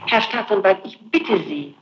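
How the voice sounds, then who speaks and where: Under questioning as a suspect, this woman insists on her answers with emphasis, circling back to the same phrases, her mid-range voice animated and moving at a moderate pace. The testimony is unscripted. The archival tape carrying it sounds dull, noisy and echoey.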